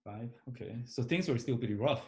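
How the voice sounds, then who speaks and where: A man's voice: mid-range voice, animated, fairly quick, creaky, a little mellow. A man hosting a webinar interview, friendly and encouraging, tripping over his words as he asks his questions. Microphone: video call.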